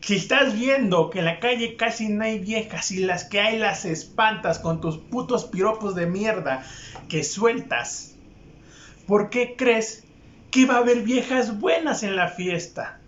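A man's voice: high voice, measured pace, a bit bright. A young man with a Mexican accent telling a crude personal anecdote in casual, profane, mocking talk. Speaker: storyteller. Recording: echoey room, dull lo-fi sound.

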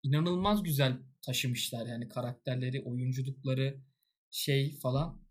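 A man's voice: medium pitch, moderate pace. A man hosting a casual podcast chat, joking and playful. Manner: joking, playful, laughs often. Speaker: podcast host.

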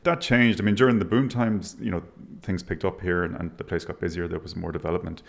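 A man's voice: low-pitched, fairly even intonation, quick pace, gravelly. A middle-aged man with a west of Ireland accent, talking reflectively as an interview guest. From Galway, west of Ireland.

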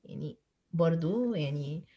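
A woman's voice: low-pitched, animated, moderate pace, warm tone, muffled recording. A woman with an Egyptian accent who switches between Arabic and English mid-sentence, posing questions in a casual, reflective discussion. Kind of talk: casual reflective group chat.

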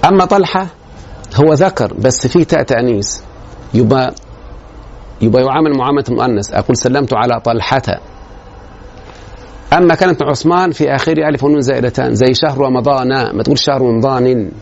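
Fast, gravelly Egyptian man lecturing. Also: mid-range voice, darkish tone, lo-fi sound, slight background noise. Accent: Egyptian Arabic. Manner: explains step by step, often checks that students follow. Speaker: grammar lecturer. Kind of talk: classroom grammar lecture.

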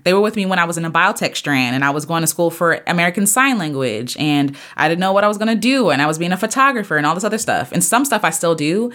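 A woman in her thirties hosting a podcast, talking earnestly and preachily in a casual motivational monologue, with sudden jumps up in pitch. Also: fairly bright tone. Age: 30s. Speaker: podcast host and singer.

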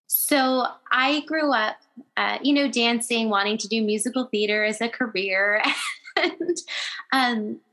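A woman's voice: fairly high pitch, measured pace, bright, forceful tone, poor audio. A woman in her thirties hosting a podcast, chatting earnestly and laughing often. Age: 30s. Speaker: podcast host. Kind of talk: casual chat.

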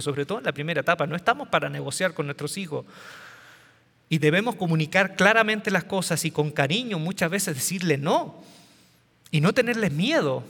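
A man's voice: high-pitched, fairly bright tone, long reverb tail. A man giving a humorous talk on parenting, telling anecdotes with punchlines and often repeating or restarting his words. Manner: storytelling with punchlines and quoted voices. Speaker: speaker on parenting.

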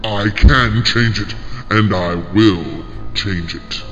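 A man voicing a proud, menacing ancient demon who speaks in slow, grandiose declarations. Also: on the low side, fairly bright tone. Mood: imperious. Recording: dull lo-fi with long reverb and music.

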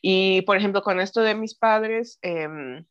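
A woman's voice: mid-range voice, measured pace, clean tone. A woman, a podcast guest talking casually and unhurriedly, with many fillers and some English words mixed in. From Mexico City, raised in Tennessee. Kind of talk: casual chat. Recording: dull lo-fi sound.

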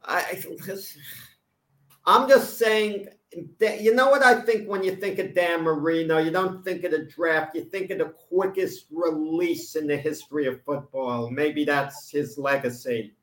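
A man's voice: a little high, steady tone, a little slow, a bit bright. A man co-hosting a sports talk show, giving opinions in an argumentative, casual way. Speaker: co-host. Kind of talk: casual chat. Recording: roomy echo.

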